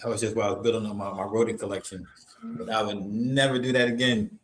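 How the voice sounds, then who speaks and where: A man on a video call, chatting casually and relaxed, with many hesitant fillers. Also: fairly low pitch, fast. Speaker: reptile keeper, panel guest. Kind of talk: casual chat. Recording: echoey room on a call.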